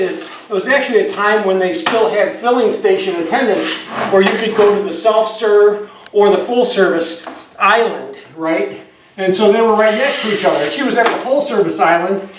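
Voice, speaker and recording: A man working as a drywall finisher, talking casually and jokingly while he demonstrates taping in a garage. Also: high voice. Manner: joking, rambling storyteller. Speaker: drywall finisher and show host. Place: garage under repair. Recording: echoey garage, distant mic, noisy.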